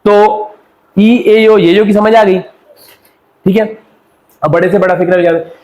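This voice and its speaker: A man's voice: high-pitched, fairly even intonation, measured pace, darkish tone, reverberant, poor audio. A man from Pakistan teaching a Korean language class, drilling students by asking questions and answering them himself. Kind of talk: classroom lecture.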